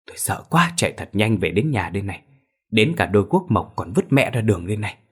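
A man's voice: fairly low pitch, sing-song, fast, breathy edge. A man voicing a cowardly, pompous old village chief who pleads and mutters in fear, in a spoken ghost story. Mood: pleading.

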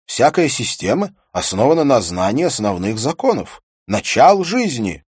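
Man doing a high, loud, eloquent debater in a storybook reading: lecturing, sure of himself, husky edge, very lively. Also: moderate pace, no room sound, studio quality. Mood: confident arguing. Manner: calm, forceful, lecturing. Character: eloquent confident young male debater. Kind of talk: audiobook character reading.

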